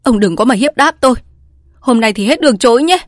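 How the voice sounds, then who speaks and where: A furious village wife shrieks her insults, high and piercing, as a woman reader puts her on. The storybook reading is dry and close. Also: quick pace, no room sound, close to an everyday voice. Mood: tearful indignant. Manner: shrill, screaming insults.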